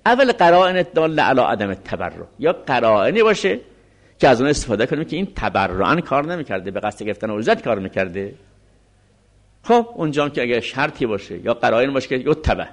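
A male seminary teacher gives a lecture with a lively, rising and falling pitch, reading out lines of text and then explaining them step by step. He sounds middle-aged, with a voice of middle height.

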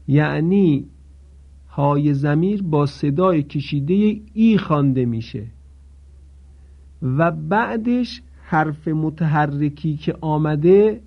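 A man gives a methodical, step-by-step recitation lesson, repeating each rule and asking his listeners to pay attention. His voice sits somewhat high for a man. The recording sounds dull and lo-fi. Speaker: Quran recitation teacher.

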